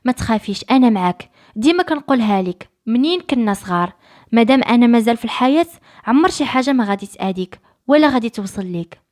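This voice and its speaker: A woman with a Moroccan accent voicing a protective young man who softly reassures his sister. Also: a little high, animated, quick pace, lightly acted. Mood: reassuring. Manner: soft, reassuring.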